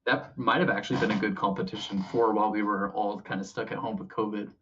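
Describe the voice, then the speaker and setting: A man's voice: lowish voice, steady tone, fast, fairly bright tone, slightly rough, far from the mic, dull audio. A man chatting casually as an interview guest, informal and rambling, often feeling his way through a thought. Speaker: interview guest, hobby club officer.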